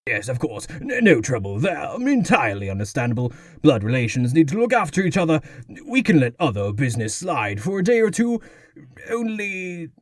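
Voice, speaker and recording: Fussy old mayor king, comic dub, husky and blustery, pitch jumping all over the place. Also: big pitch swings, normal speed, no room sound, clean studio sound. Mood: genial, fussy. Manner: blustery, theatrical. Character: pompous, fussy, genial male mayor-king, older.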